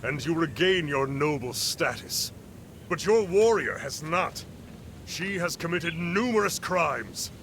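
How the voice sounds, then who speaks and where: Stern military lord for a game: imperious, higher-pitched, creaky, loud rumbling noise. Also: male voice, animated, exaggerated voice. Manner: imperious, deliberate, formal. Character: proud, stern male military lord, unforgiving, authoritarian. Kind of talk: dramatic video game acting.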